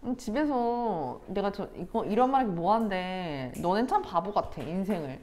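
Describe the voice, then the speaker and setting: A woman's voice: mid-range voice, lively intonation, normal speed, a little mellow. A woman teaching a middle school English lesson to students at home, chatty and teasing, often laughing and acting out little family scenes. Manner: laughs often while talking. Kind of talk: recorded online lesson.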